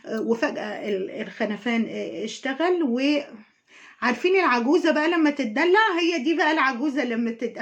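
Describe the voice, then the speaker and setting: امرأة بلهجة مصرية تعلّق بسخرية وتوبّخ بحدّة في فيديو تعليق. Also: female voice, a little high, lo-fi sound. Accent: Egyptian. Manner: mocking, scolding, indignant. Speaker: YouTube commentator. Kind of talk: sarcastic reaction commentary.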